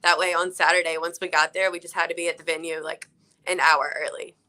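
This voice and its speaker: Young female fighter guest, lowish bright voice, chatty and upbeat, video-call interview. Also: little pitch movement, quick pace. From South Carolina, US. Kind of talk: casual interview.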